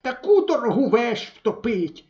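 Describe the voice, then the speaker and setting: A man voicing a gruff, bossy old village grandfather who scolds bluntly. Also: extremely high pitch, big pitch swings, unhurried, darkish tone, highs cut off, voice pushed up, heavily acted. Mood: scolding.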